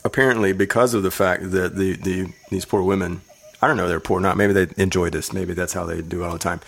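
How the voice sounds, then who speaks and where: A man's voice: low voice, steady tone, fast, vocal fry, a bit bright, slight background noise. A man co-hosting a casual movie chat, teasing his partner in a dry way as he shares trivia. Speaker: podcast co-host.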